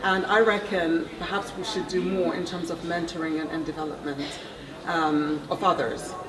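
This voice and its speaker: A woman attending a conference, giving thoughtful feedback in an interview with frequent pauses. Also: low voice, fairly even intonation. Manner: thoughtful, measured, frequent ums. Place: busy conference venue. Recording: roomy, distant, loud crowd behind.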